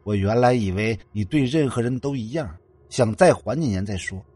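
A man voicing a jealous, obsessive young man in a spoken ghost story, shouting in a raised voice. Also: lively intonation, moderate pace, no room sound, natural voice. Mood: bitter, obsessed. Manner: shouting, raised pitch, laughing madly.

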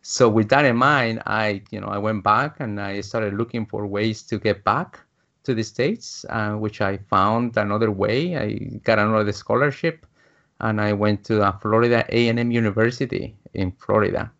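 A man's voice: fairly low pitch, fairly even intonation, normal speed, creaky, fairly bright tone. A man in his fifties from Guatemala, a business coach telling his life story as an interview guest, with many fillers and restarts. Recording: dull lo-fi audio.

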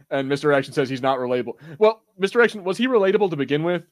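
A slightly high-pitched man is heard in a dry, clean studio recording. He's a podcast co-host in a relaxed, slangy conversation full of jokes, tangents and a little swearing, covering a TV show review and reading the live chat.

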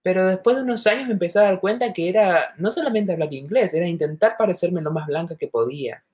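Earnest Argentine woman, low voice. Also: quick pace, a little mellow. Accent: Argentine Spanish, softened toward neutral. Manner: earnest, reflective, talks at length. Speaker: podcast co-host. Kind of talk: casual podcast conversation.

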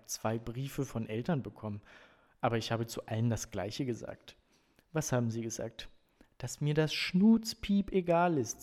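A man reading aloud, voicing an earnest football coach who stresses his words slowly. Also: mid-range voice, darkish tone, in a large hall, lightly acted. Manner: emphatic, slow stressed words.

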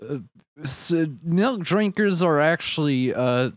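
A young man co-hosting a podcast, mock-serious and halting, full of fillers. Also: fairly high pitch, animated, no room sound, clean studio sound. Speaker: podcast co-host. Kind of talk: casual chat.

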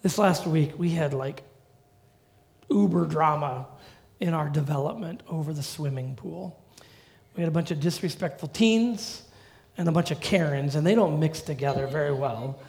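Middle-aged pastor guy preaching, kinda high voice with a gravelly edge, chatty and jokey. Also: moderate pace. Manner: conversational, animated preaching with asides and humor. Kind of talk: sermon.

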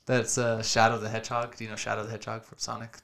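A man's voice: lowish voice, monotone, quick pace, vocal fry, fairly bright tone. A young man hosting a podcast, chatting casually and swearing often. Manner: laid-back, swears a lot, calls people dude. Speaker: podcast host. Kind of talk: casual chat.

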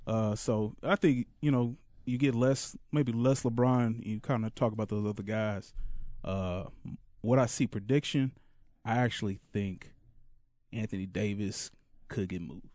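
A man's voice: lowish voice, unhurried, mellow, no room sound. Man with a dry, close sound. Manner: rambling, hesitant, laughs often. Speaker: podcast co-host. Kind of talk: casual sports chat.

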